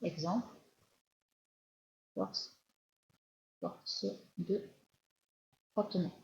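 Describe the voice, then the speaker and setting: A woman physics teacher with a French accent giving a recorded lecture while writing at the board, often pausing and restarting her sentences. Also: lowish voice, lively intonation, darkish tone. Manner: explanatory, with frequent hesitations and restarts. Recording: dull lo-fi lecture recording with faint hiss.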